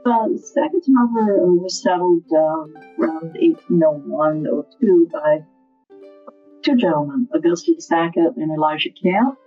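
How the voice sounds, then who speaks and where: A woman from northern New York explains things in a low, slightly husky voice. Her audio comes through with fuzzy distortion, dull and lo-fi, and soft music plays faintly underneath. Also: unhurried. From northern New York State, USA. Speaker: historic site manager. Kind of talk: interview answers, explaining local history.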